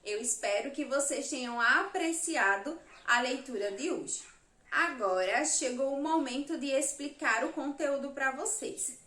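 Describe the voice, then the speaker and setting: A woman teacher from Brazil giving a remote lesson to young children, counting letters and syllables slowly and patiently. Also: high voice, sharp tone, echoey room.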